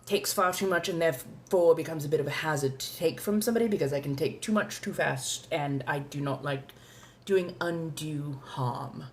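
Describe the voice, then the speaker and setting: A woman's voice: sits low, lightly acted. A woman playing an ancient, genteel female vampire with a posh colonial accent, speaking formally and courteously as she chats live in character. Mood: poised, amused. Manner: refined, formal, old-fashioned wording, drawn-out deliberate phrasing. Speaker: livestream host answering viewer questions. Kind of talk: in-character live question-and-answer chat.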